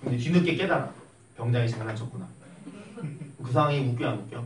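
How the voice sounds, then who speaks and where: A young man teaching math in a classroom, telling an animated story and acting out the voices. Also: medium pitch, quick pace, background noise. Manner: animated, acts out voices while telling stories. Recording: echoey room, mic at a distance.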